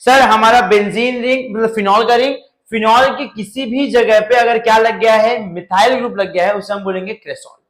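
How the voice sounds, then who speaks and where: Animated high-voiced male chemistry teacher. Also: moderate pace, few pauses, echoey room, low-quality recording. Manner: animated, asks questions and answers them himself, jokes with students. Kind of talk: lively classroom lecture.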